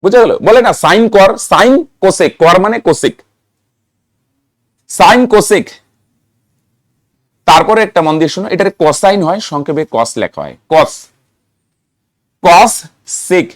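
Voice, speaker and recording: A man's voice: high voice, lively intonation, a little fast, no room sound, studio quality. A man teaching a math lesson, often asking students questions and chanting rhyming memory aids. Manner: rhythmic mnemonic chanting, asks students questions. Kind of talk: classroom lesson.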